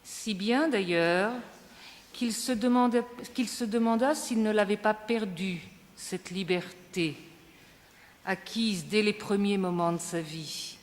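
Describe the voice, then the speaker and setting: Woman reading her paper out loud really slow and lyrical, big reverby hall, bit of hiss. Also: mid-range voice. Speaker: conference speaker. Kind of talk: reading a prepared text aloud. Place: large conference hall. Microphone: microphone at a distance.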